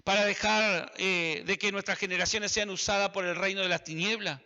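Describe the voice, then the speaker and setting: Man, Argentine accent, sermon, high gravelly voice, bright tone, repeats for emphasis. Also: steady tone, normal speed, long reverb tail, dull audio. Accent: Argentine Spanish. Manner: emphatic, repeats phrases, addresses listeners directly. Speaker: preacher.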